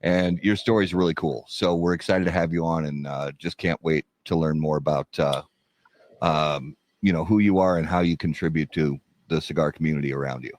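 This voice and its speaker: A man's voice: rumbling low, steady tone, fairly quick, a little mellow. A man hosting a podcast, upbeat and rambling with many fillers as he welcomes a guest. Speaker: podcast host.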